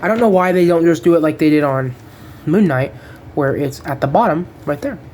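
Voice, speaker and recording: Chill toy reviewer rambling thru an unboxing, mid pitch, swears kinda casually. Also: a little fast, darkish tone, a little hiss or hum. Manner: rambling, loses track of names, casual swearing. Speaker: action figure reviewer.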